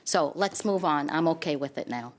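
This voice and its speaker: A woman's voice: deep voice, lively intonation, moderate pace. A woman chairing a committee meeting, procedural and conciliatory.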